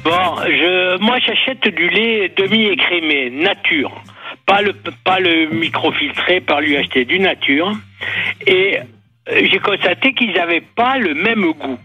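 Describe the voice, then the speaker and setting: Man calling in, husky higher voice, muffled line. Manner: precise, long-winded. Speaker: caller.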